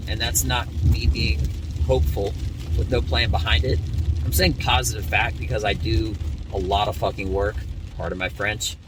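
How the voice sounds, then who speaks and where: A man speaking in a casual, unscripted podcast monologue, halting as he thinks aloud while driving through rain. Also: fairly low pitch. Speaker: podcast host, comedian. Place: inside a car, driving in rain. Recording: noisy car, distant mic, rain. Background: rain and car noise.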